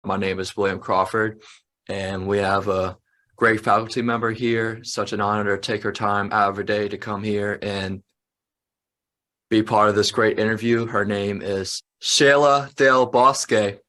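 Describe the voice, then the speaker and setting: A man's voice: lowish voice, steady tone, unhurried, a bit bright. A young man hosting an interview, friendly and hesitant with fillers. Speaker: host. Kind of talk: casual interview.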